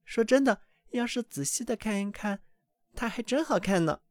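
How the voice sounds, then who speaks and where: A man voicing a doting, fussy mother duck in a storybook reading, with a high, excited, scolding voice. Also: moderate pace, dry recording. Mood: proud.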